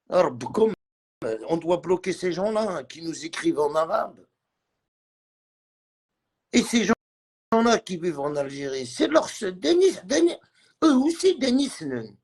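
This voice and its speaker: A man's voice: high voice, breathy edge. A man on a live stream, ranting in a heated, repetitive way and mixing in words from other languages. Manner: agitated, repetitive, mixes French with Arabic and Kabyle. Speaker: livestreamer.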